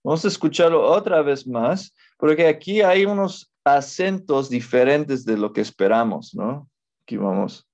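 A man's voice: mid-range voice, normal speed, darkish tone, highs cut off. A male teacher giving a language lesson, explaining patiently and checking in with his students often.

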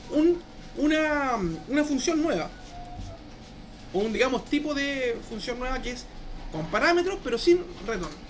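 A male programming teacher with a Chilean Spanish accent runs a live class in an extremely high-pitched voice, with a little hiss or hum in the audio. He's slangy and chatty, tossing out "¿ya?" after every point.

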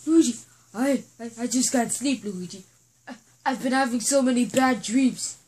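A woman's voice: fairly high pitch, moderate pace, darkish tone, husky. A woman voicing Mario as a jumpy man plagued by nightmares who panics and shrieks in bursts, in a comedy cartoon. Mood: shaken.

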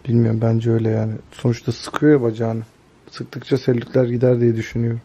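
A man chatting at home with deadpan, grumbling humor. His voice sits at an ordinary middle pitch. A clear layer of background noise runs under it. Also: fast. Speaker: partner in home vlog. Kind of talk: casual home chat. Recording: noisy home recording.

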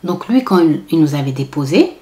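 A woman's voice: sits low, fairly quick. A woman vlogger telling a story in a casual storytime style, acting out the people she quotes and dropping to whispers for asides. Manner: animated, acts out quoted voices, drops to whispered asides.

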